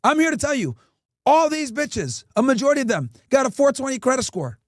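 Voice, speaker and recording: A man's voice: extremely high pitch, dry recording, studio quality. A podcast host, a man, delivering crude, profane, preachy commentary and speaking straight to his chat. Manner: addresses chat directly. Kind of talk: ranting commentary.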